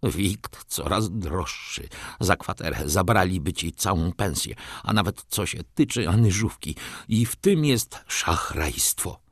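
A man's voice: low voice, animated, measured pace, a bit bright, husky, no echo, clean studio sound, full character voice. A man voicing a gloomy old clerk who grumbles that the world is getting worse, in an audiobook reading. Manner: grumbling, head-shaking complaint.

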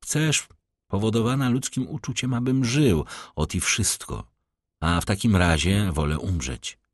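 A man's voice: on the low side, measured pace, husky, no echo. Man doing a resolute young lover, earnest, declamatory, audiobook, dry close sound. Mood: ardent. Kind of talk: audiobook reading of a classic novel.

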